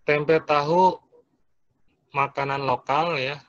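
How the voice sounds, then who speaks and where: A man's voice: fairly high pitch, fairly even intonation, slow pace, a bit bright. A male lecturer speaks over a video call, and his audio breaks up and drops out. The sound is dull and muffled, in a dry space with no echo. He throws questions to his class as he talks. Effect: choppy, breaking-up video call audio.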